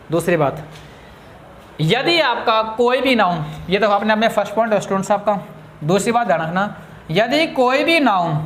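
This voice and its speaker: A man's voice: high voice, a little hiss or hum. Hindi-accented man, classroom grammar teacher, quizzes then answers himself, drags key words, roomy echo. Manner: asks students questions and answers them himself; drawls key words slowly. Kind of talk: classroom lecture. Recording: echoey room.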